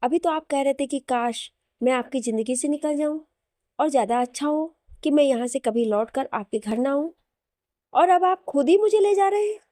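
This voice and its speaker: A woman voicing a hurt but loving young wife who speaks softly and emotionally. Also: high voice, animated, normal speed, no echo, studio quality. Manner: soft, pleading, emotional.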